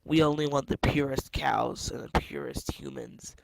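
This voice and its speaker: A young man playing gravelly demagogue Carl. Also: medium pitch, steady tone, moderate pace, background noise. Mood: menacing. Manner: rally-speech delivery, turning to menacing. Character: power-hungry male demagogue leader, ruthless. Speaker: speechmaking leader in an animal farm allegory. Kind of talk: amateur audio drama.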